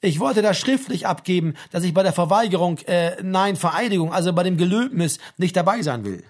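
A man doing a young male conscript, stubborn, flat insistent replies, husky, raised pitch. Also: fairly quick.

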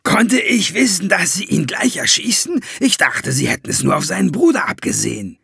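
A man's voice: sits high, very animated, moderate pace, creaky, fairly bright tone, husky, dry recording, clean studio sound, pitched above the performer's own voice, exaggerated voice. A man voicing a scheming, greedy male dwarf who whines and protests, in an audiobook. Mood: whining protest.

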